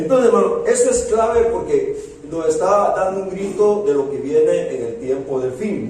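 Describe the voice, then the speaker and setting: A man's voice: on the high side, warm tone. A male pastor preaching a sermon, with emphatic repetition of key words and frequent direct address to his congregation. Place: church hall. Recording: echoey room from far off, faint noise.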